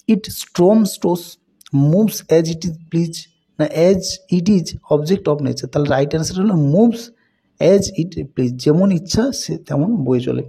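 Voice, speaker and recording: গভীর খসখসে স্বরের শিক্ষক. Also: male voice, a little high, creaky, mellow, breathy edge. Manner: reads English question slowly, explains in Bengali. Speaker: teacher. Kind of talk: exam prep lesson.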